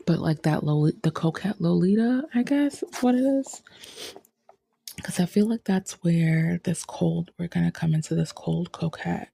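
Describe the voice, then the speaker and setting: A woman musing in a casual, rambling chat, often drifting into soft whispers. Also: lowish voice, normal speed, creaky, slightly rough. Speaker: tarot reader.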